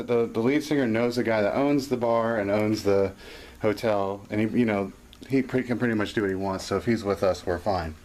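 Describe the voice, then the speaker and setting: A man's voice: fairly low pitch, a little mellow, a little hiss or hum. A man co-hosting a casual chat, telling rambling stories full of restarts and fillers and laughing along. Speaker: podcast co-host and gigging musician. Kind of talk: casual conversational storytelling.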